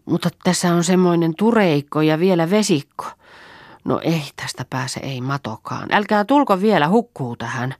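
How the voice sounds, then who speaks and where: A woman's voice: deep voice, lively intonation, darkish tone, dry recording, clean studio sound, voice pushed up. A woman voicing a plucky young farm girl who talks bluntly and jokes.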